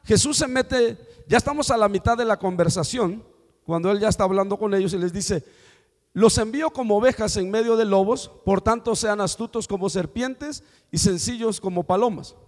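A man preaching a sermon, telling stories and acting out dialogue with lively questions to the congregation. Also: high-pitched, normal speed. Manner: animated storytelling, acting out dialogue. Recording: long hall reverb.

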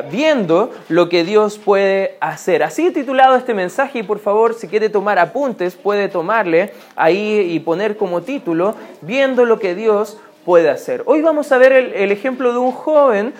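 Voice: mid-range voice, lively intonation, a little slow, hardly any pauses. A pastor preaching a sermon in an earnest manner, often asking the congregation direct questions.

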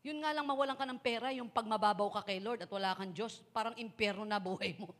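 A woman's voice: mid-range voice, quick pace. A woman preacher giving a chatty, joking sermon and mixing in English phrases.

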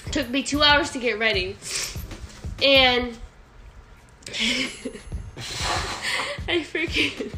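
A woman's voice: high voice, drawn-out words, pauses often, pushed and bright, a little hiss or hum, rough recording. A young woman co-hosting a podcast, telling stories in casual chat, giggly and often breaking into playful singing. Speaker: podcast co-host.

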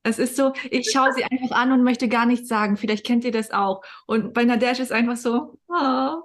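A woman's voice: on the high side, steady tone, fairly quick. Gushing woman interview host. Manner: warm, gushing, often hesitant with fillers. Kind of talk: casual interview chat.

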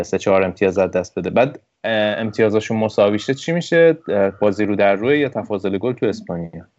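Man, lowish voice, joking football chat, asks questions, dry muffled lo-fi sound. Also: darkish tone. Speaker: football podcast co-host.

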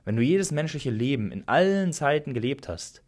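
Calm creator god, as a man reads him. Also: medium pitch, normal speed, voice pushed up, natural voice. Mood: solemn. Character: calm all-knowing creator god, patient and gentle. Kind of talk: storytelling reading.

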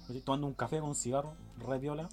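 Fast-talking young Chilean man. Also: mid-range voice, steady tone, music in the background. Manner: explains at length, peppered with slang. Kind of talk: casual chat.

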